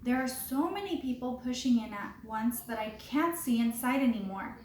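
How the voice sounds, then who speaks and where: A woman, a teacher, reading a children's picture book aloud in a clear, expressive storytelling voice. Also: on the high side, moderate pace. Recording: roomy with faint background hiss.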